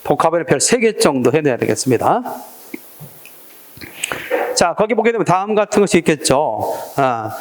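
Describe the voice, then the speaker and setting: A man's voice: on the high side, sing-song, moderate pace, pauses often. A man teaching an exam-prep Korean language lecture, drilling students with call-and-response prompts. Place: lecture classroom.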